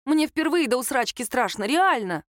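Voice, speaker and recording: A woman's voice: sits high, big pitch swings, normal speed, no room sound, studio quality, voice pushed up. A woman reading an audiobook, voicing a blunt, anxious young woman who snaps at people. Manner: blunt, exasperated, rude outbursts. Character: young woman, brash, anxious, sharp-tongued.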